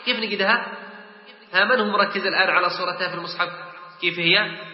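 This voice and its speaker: A man teaching a class, explaining slowly, repeating words and quizzing his students. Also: high-pitched, fairly even intonation. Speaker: Quran teacher. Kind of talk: classroom lesson. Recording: echoey hall, dull sound.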